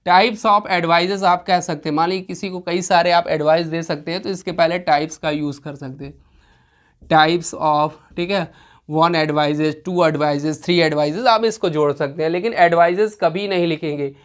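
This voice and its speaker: A woman's voice: lowish voice, fairly even intonation, moderate pace. A woman teaching an exam-prep grammar lesson, explaining step by step with frequent rhetorical questions and check-ins. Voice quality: clears throat now and then.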